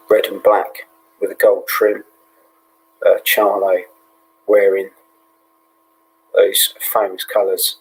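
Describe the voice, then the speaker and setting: A British man hosting a live fight watch-along in a hushed, half-whispered voice, relaxed and full of ums and yeahs. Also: deep voice, breathy edge, poor audio. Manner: relaxed, with many fillers like um and yeah. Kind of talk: low-key live fight commentary.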